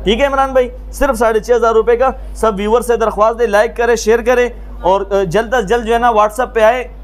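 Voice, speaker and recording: A man with a Pakistani accent giving an eager, repetitive sales pitch to camera as a mobile phone shop seller. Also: steady tone, a little fast. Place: small open-fronted mobile phone shop stall.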